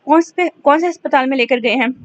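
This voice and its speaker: A woman's voice: sits high, brisk, slight background noise, natural voice. A woman reading as a distraught young man. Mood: distraught urgent. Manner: urgent, reproachful. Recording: dull lo-fi recording.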